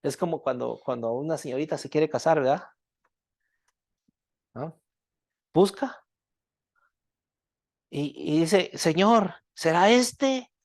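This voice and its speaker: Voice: medium pitch, slow, gravelly, long pauses, dark tone, dry recording, clean studio sound. Preacher firing rhetorical questions. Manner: keeps asking the congregation rhetorical questions; checks in with repeated "¿verdad?". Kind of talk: sermon.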